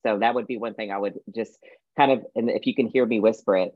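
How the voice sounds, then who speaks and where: A woman's voice: a bass voice, steady tone, fast talker, no echo, phone-quality sound. A woman fitness coach giving blunt, tough-love advice in a casual podcast chat.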